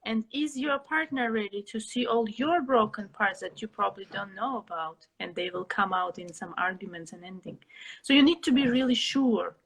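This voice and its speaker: A young woman from Russia, an interview guest who answers thoughtfully, pausing to find her words. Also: medium pitch, gravelly, fairly bright tone, breathy edge, low-quality recording. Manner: reflective, pauses to find words.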